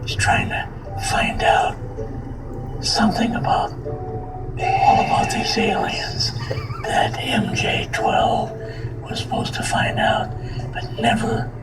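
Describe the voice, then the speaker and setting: In an interview, an elderly man with a weak, whispery voice slowly recalls his past government service, speaking haltingly with long pauses. The recording is roomy, with a distant mic beneath loud music.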